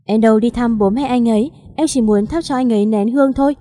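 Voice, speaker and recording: A woman's voice: on the high side, fast talker, dark tone, natural voice. Woman voicing a coaxing young woman. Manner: coaxing, pleading. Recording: long reverb.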